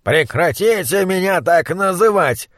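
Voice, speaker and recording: A man's voice: high voice, expressive, a little slow, fairly bright tone, no room sound, studio quality, voice pushed up. A man voicing a pompous, prickly English doctor who talks haughtily. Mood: haughty.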